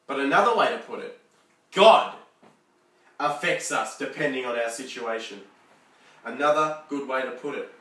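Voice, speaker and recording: Young guy giving an earnest faith talk, bright tense voice, echoey room, off-mic. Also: medium pitch, normal speed, long pauses. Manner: earnest, repeats key points. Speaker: youth speaker. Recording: roomy echo, far from mic.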